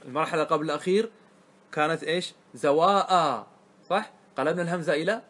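A man teaching a classroom grammar lesson, often asking his students questions to check they follow, and drawing out words slowly to spell out their forms. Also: on the high side, fairly bright tone. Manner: checks understanding with frequent questions.

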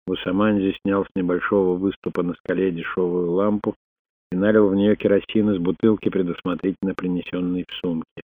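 A man narrating a thriller audiobook in a steady, even reading voice. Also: sits low, brisk. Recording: dry, phone-like narrow sound.

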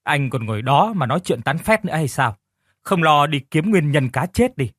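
A man voicing a distraught young village wife who pleads tearfully and turns sharp when she scolds. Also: a little high, animated, moderate pace, husky, dry recording, studio quality. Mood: irritated. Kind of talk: audiobook character reading.

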